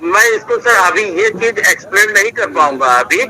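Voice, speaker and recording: Heard through a speaker at a protest, a phone line carries an official's high-pitched, animated voice at a moderate pace as he defends himself. He keeps saying "sir" and insisting the papers were already given, while a crowd is audible behind.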